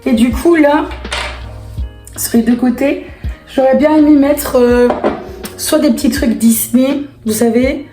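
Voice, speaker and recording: Hoarse, raspy woman vlogger, fairly high-pitched. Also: unhurried, pauses often, mellow. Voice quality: raspy, strained from laryngitis. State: hoarse, voice nearly lost. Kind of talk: casual chat to viewers. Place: echoey room indoors. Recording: echoey room with background music. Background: music.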